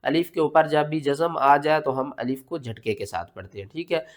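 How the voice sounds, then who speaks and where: A man's voice: on the high side, animated. Patient man teaching Quran recitation. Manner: explains in quick asides, then recites slowly and loudly with drawn-out chant; asks himself questions as he teaches. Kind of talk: step-by-step tajweed lesson.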